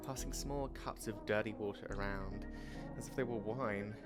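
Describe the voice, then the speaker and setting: A man's voice: lowish voice, steady tone, normal speed, loud music behind the voice, natural voice. A man reading scripted second-person narration for a story game in a dramatic storytelling manner.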